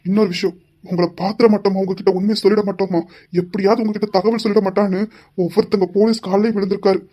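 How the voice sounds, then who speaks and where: A man voicing a calm, devoted young husband in an audio drama, gently reproachful as he explains himself at length. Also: high-pitched, fast talker. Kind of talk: hobby audio drama acting.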